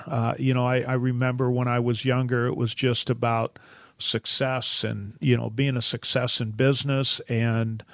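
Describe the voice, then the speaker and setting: An older man on a panel, speaking reflectively with halting phrases and many fillers. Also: medium pitch, gravelly, dry recording, studio quality. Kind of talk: casual panel chat.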